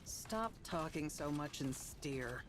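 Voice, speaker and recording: Low-voiced curt woman fighter, cold, tired, game dub. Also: slow. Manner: curt, dismissive, flat. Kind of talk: video game voice acting.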